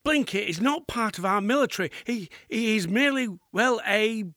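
Casting: man as anxious, sincere Christmas elf, very high voice, close dry sound, audio drama. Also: lively intonation, normal speed, pushed and bright, dry recording.

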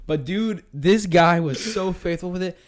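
Casting: young male podcast host, slightly high voice, loose rambling chat. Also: normal speed. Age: young adult. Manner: rambling, says "dude" a lot. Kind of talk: casual chat.

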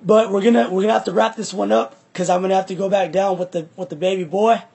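A young man with a high-set but husky voice and plenty of fry. He talks casually and reflectively, halting, repeating phrases and swearing now and then. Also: steady tone, a little mellow. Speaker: musician.

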